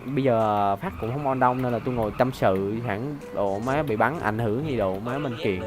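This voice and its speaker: A man streaming a role-play game, rambling and swearing, sometimes breaking into loud mocking taunts. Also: mid-range voice, normal speed, over music. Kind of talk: casual chat while playing a role-play game.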